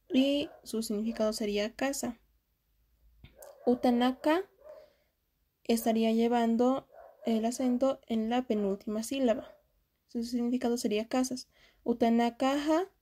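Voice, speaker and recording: A woman presents a lesson in a careful, explanatory way, often stopping on small hesitations before going on. Her voice sits a little high but has a dark, mellow colour. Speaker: student giving a class presentation.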